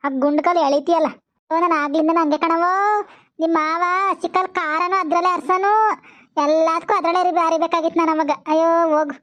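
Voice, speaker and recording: A woman's voice: very high-pitched, steady tone, a little fast, a bit bright, no room sound. A woman voicing a bickering middle-aged village woman in a homemade cartoon, with a rural Karnataka Kannada accent, chatty and teasing.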